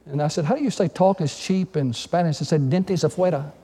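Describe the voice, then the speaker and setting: High-voiced preaching man in a reverberant hall. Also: brisk, mellow, slightly rough. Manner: preachy call-and-response, rising and falling with emphasis. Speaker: pastor. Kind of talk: sermon.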